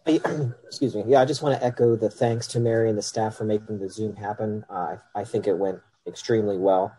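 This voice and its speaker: A man's voice: fairly low pitch, steady tone, a little fast, warm tone, low-quality recording. A man council member making hesitant remarks with many fillers during a meeting.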